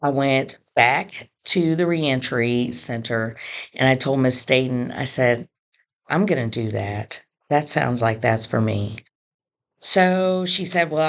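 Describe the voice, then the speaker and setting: Low-voiced woman telling her story. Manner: earnest, animated storyteller who acts out quoted voices. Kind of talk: personal storytelling monologue.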